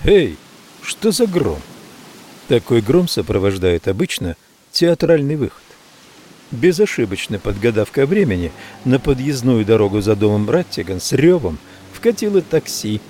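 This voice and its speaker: A man's voice: medium pitch, moderate pace, slight background noise. A man narrating a first-person noir audiobook, reading expressively and playing every part. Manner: lively, expressive reading with many character voices.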